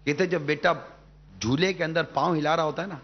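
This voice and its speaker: A male preacher tells a moral story in an earnest sermon voice, now and then rising into emphatic appeals. His voice sits somewhat high for a man. The sound is dull and muffled, like a lo-fi broadcast. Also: fairly even intonation.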